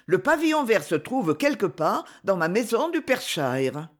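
A woman reading aloud voices a polite, reserved gentleman who speaks in a courteous, measured way. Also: mid-range voice, sing-song. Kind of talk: audiobook character voice.

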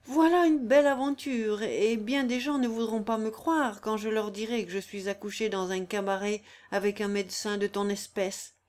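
A woman's voice: medium pitch, moderate pace, hardly any pauses, a little mellow, natural voice. A woman voicing a fierce, robust singer in agonizing labor, cursing, defiant and cynical. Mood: anguished. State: in agonizing pain.

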